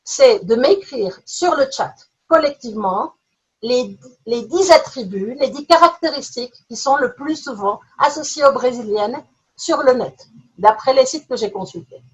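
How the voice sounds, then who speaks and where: Husky woman leading a playful webinar. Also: high voice, highs cut off. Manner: reads chat answers aloud in quick lists, playful and animated. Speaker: teacher trainer running a webinar game. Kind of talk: online webinar demonstration. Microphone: computer mic on a video call.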